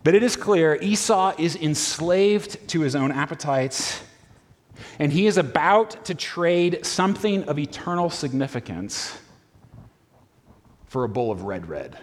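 A man preaching a conversational sermon in a casual, animated way, full of fillers and restarts, heard in a reverberant church hall. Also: a little high, measured pace. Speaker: pastor.

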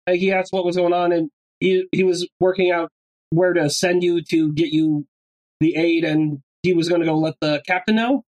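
A woman's voice: fairly low pitch, steady tone, darkish tone, low-quality recording. Joking woman running a tabletop game. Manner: halting, joking. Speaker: game master. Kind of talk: casual tabletop game narration.

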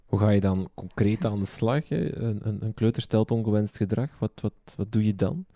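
A man's voice: lowish voice, moderate pace, gravelly, dark tone, no room sound. A man moderating a panel who asks questions and often repeats words as he stumbles. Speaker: host, moderator.

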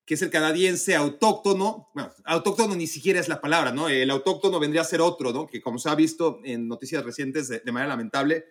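Talkative man, somewhat high voice. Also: quick pace, few pauses. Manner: talkative and explanatory, many restarts. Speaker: podcast co-host. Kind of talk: casual football chat.

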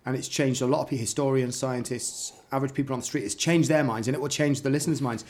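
A man's voice: mid-range voice, steady tone, fast talker, darkish tone. A Welsh man co-hosting a comedy podcast, talking in a mock-serious, self-important investigator tone. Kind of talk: mock-serious comic banter.

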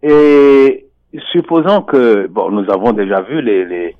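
A man's voice: medium pitch, no room sound. Man speaking over a phone line. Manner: measured and deliberate, with frequent hesitations. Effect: voice heard over a telephone line. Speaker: finance and economics columnist. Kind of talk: radio phone-in commentary. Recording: muffled phone line, dry.

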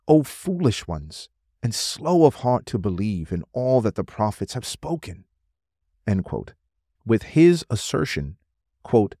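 A man reading a scholarly religious text aloud as scripted narration, in a formal, measured manner. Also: on the low side, a little mellow, dry recording, studio quality. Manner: formal, measured, announces quotations.

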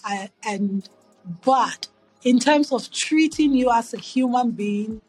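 A middle-aged woman from Ghana speaks as an interview guest over a remote call. Her voice sits somewhat high, and she tells her story in an earnest, reflective way, often restarting her sentences. Faint music plays underneath. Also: slow, darkish tone, slightly rough, low-quality recording. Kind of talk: conversational storytelling.

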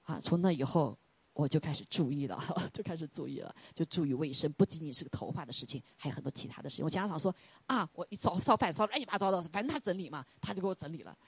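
A woman's voice: low voice, expressive, fast talker, creaky, breathy edge, dry recording. A middle-aged woman church leader telling a personal testimony to her congregation in a chatty, storytelling way, often laughing and acting out the voices in her story. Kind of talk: testimony sermon.

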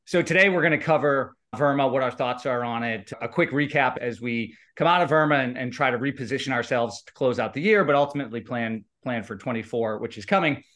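A man's voice: medium pitch, fairly quick, hardly any pauses, a bit bright. A man in his forties co-hosting a podcast, talking reflectively and repeating words as he thinks aloud. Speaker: podcast co-host. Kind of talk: casual chat.

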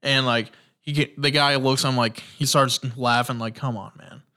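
A man hosting a casual solo sports podcast at a middling pitch. He talks with excitable enthusiasm, often trails off or restarts mid-sentence and fills gaps with "like" and "uh.". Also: moderate pace, clean tone. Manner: excitable, rambling, many restarts and fillers; enthusiastic storytelling. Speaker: podcast host.

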